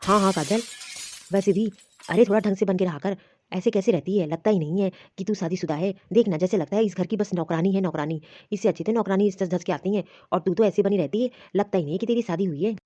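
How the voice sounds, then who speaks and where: A woman's voice: mid-range voice, quick pace, darkish tone, close to an everyday voice. A woman voicing a young married son in a cartoon, nagging and dismissive toward his wife.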